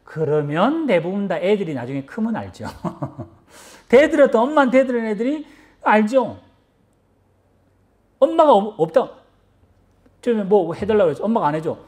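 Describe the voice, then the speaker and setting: Animated high-voiced Korean pastor. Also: male voice, normal speed, long pauses. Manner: animated, acts out quoted lines, repeats words when searching. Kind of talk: sermon.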